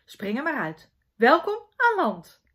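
A woman's voice: sits high, wildly swooping pitch, a little slow, fairly bright tone, voice pushed up, full character voice. A woman reading aloud and voicing a cheerful, encouraging father who talks to his children in an upbeat, coaxing way. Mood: cheerful, urging.

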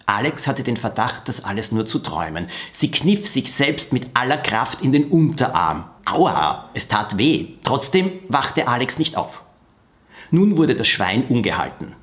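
A man reads his own children's novel aloud, telling the story with plenty of expression. His voice is mid-pitched and rises and falls freely. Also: sing-song, normal speed, few pauses, fairly bright tone. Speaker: author reading his book. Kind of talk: children's book reading.

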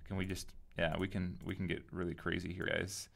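A man with a lowish, gravelly voice walks through a software tutorial in a loose, relaxed way. He thinks aloud and lets his sentences trail off. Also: a little fast. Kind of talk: casual screen-recorded tutorial.

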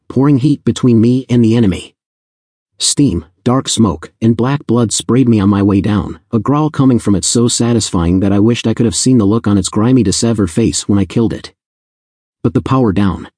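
A man's voice: on the low side, fairly quick, dark tone, dry recording, clean studio sound. A man narrating a first-person fantasy audiobook in an intense, blunt, casually profane storytelling manner.

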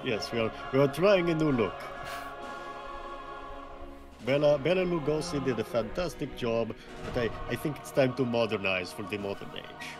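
Man doing a stately old vampire count, mid-pitched, stiff diction, music loud underneath. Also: lively intonation, a little fast, natural voice, poor audio. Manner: stiff formal phrasing, refers to himself in third person. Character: old aristocratic male vampire count, formal. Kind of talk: in-character banter while gaming.

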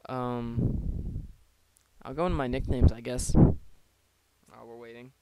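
A man's voice: mid-range voice, steady tone, unhurried, heavy background noise. A man giving casual, rambling play-by-play of his own online battle, with joking asides, close to a desk microphone. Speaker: league player.

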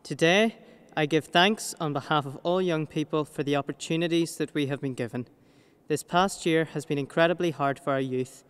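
A teenage Northern Irish man, earnest and measured, reading a prepared reflection at a lectern in a large cathedral. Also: fairly high pitch, clear, resonant tone. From Northern Ireland. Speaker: youth reader. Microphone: lectern mic. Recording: long cathedral reverb.

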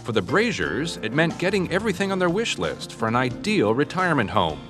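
A male TV host narrating a home-building feature in a smooth, measured presenter voice. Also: fairly high pitch, huge pitch swings. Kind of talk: scripted documentary narration. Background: background music under the voice-over.

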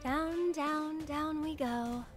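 Plucky high-voiced young woman. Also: extremely slow, faint music behind. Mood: playful, teasing. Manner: bright-spirited, teasing, assertive. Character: plucky, playful, determined young woman adventurer. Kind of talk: video game dialogue.

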